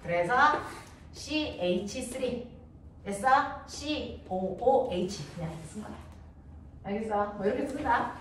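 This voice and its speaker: A woman teaching a middle school science class, playfully asking quick check questions and drawing answers from her students. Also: medium pitch, expressive. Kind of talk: classroom lesson with call-and-response questions. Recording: echoey room, distant mic, background noise.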